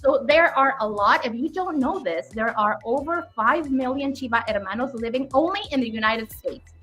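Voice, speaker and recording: A woman's voice: high voice, lively intonation, normal speed, fairly bright tone, faint music behind. A woman co-hosting a casual bilingual sports talk show, upbeat and switching between English and Spanish. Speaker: co-host.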